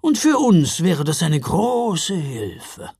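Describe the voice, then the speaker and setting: A calm, kindly old Father Frost speaking slowly and warmly, as a woman reading a storybook puts him on. The voice sits low and unhurried, with a husky touch. It is close and dry. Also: no room sound, exaggerated voice. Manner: slow, friendly.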